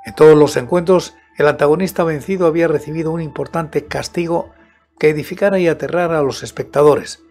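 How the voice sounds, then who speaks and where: Man in his seventies, slightly high voice, measured horror-story narration, close mic, music in the background. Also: a little mellow. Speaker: audiobook narrator and host of a horror story show. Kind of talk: scripted narration of a horror tale. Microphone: close studio microphone with headset monitoring.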